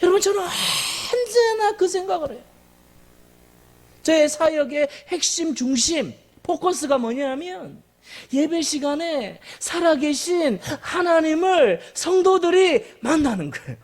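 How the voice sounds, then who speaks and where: A man's voice: very high-pitched, unhurried. A male pastor preaching a sermon, emphatic and joking, repeating key phrases. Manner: animated and emphatic, with jokes and repetition.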